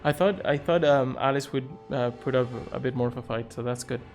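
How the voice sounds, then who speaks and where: Brief: male streamer, mid-pitched voice, thinks aloud through game choices, joking asides, faint game music behind. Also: brisk, darkish tone. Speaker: streamer playing a video game. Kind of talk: live gameplay commentary.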